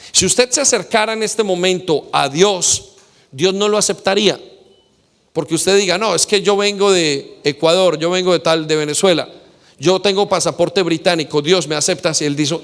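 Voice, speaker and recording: A man preaching a sermon as pastor, quoting scripture and speaking directly to his listeners. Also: fairly high pitch. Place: church hall. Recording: long hall reverb.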